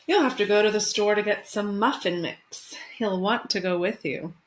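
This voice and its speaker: A woman in her thirties, an elementary school teacher, speaks simply and expressively to children as if reading a picture book, her voice mid-range and at normal speed. It's a low-quality home webcam recording from a small room, with faint noise.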